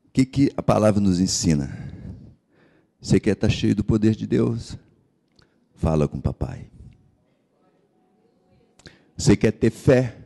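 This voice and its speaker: This man's voice sits fairly low, sounds creaky and warm, and moves at a moderate pace. He is a pastor from Espírito Santo who speaks with a Capixaba Brazilian Portuguese accent, delivering a passionate sermon full of rhetorical questions for the congregation.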